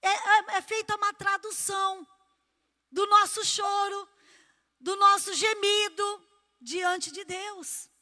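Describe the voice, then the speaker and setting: A woman pastor delivers an impassioned sermon in a church. Her voice sits very high and rings bright. She speaks slowly, rising to loud cries and dropping to soft, low passages. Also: steady tone.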